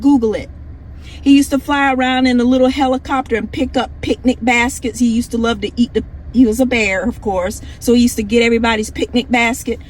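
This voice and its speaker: A woman's voice: sits high, low-quality recording. A woman ranting heatedly to her viewers, scolding and combative, hammering the same points again and again. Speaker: vlogger. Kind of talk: heated rant to camera.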